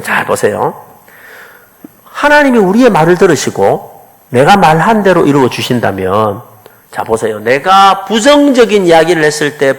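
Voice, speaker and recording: A man preaching a sermon as a pastor, questioning the congregation. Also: a little high.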